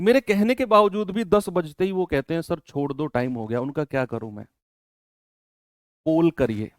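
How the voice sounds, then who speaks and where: A male maths teacher who speaks, leading an online class and quizzing his students as he works through sums. His voice sits fairly high and sounds smooth and resonant. It is recorded close to the mic in a dry space with no room sound. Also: no echo. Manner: lively teacher, asks the class questions and answers them himself; drops to low, quiet complaining when scolding students.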